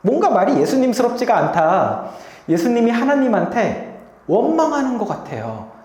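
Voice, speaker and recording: A pastor delivers a Sunday sermon in a storytelling way, often inviting the congregation to read along. The pitch rises and falls with lively expression. The voice rings back from the walls of a large church hall with a long echo. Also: moderate pace. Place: church sanctuary. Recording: echoey hall with long reverb.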